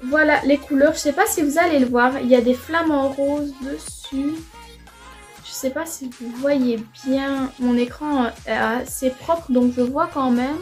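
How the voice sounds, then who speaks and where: Measured in pace, high and fairly even, the voice belongs to a young beauty vlogger trying on makeup in a home room near a window, with faint music behind. She chats enthusiastically, with plenty of fillers and frequent "franchement."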